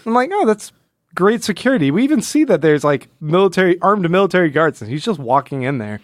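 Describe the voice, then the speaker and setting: Here the man's voice sits high, swinging widely in pitch at a quick pace, in studio quality with no echo. He's a podcast host in a casual comic book analysis chat, breaking into performed versions of quoted lines as he retells.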